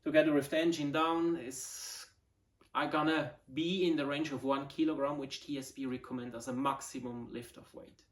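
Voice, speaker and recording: A model rocket hobbyist in his forties hosts a casual show-and-tell, his voice a little high and his delivery flat. A native Swiss German speaker with a noticeable accent, he stumbles through English with frequent fillers as he searches for words.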